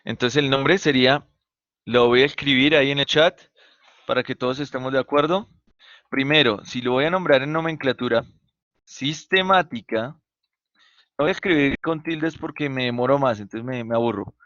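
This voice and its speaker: A man's voice: medium pitch, fairly quick, fairly bright tone, no echo, highs cut off. A man teaching an online chemistry class, patiently asking his students questions and then answering them himself. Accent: Colombian Spanish. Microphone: computer mic on a video call.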